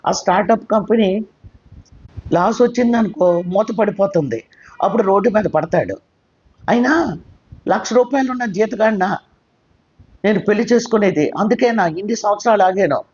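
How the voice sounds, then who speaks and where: A man voicing a proud, sharp-tongued unmarried woman, speaking with scorn and indignation in a slightly muffled recording. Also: medium pitch, animated, moderate pace, long pauses, breathy edge. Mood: angry.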